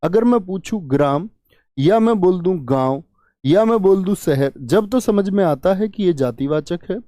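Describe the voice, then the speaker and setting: A man's voice: high-pitched, expressive, normal speed, dark tone, dry recording, clean studio sound. A man teaching Hindi grammar in a live online exam-prep class, asking questions and repeating key words. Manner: asks and answers his own questions, repeats key words.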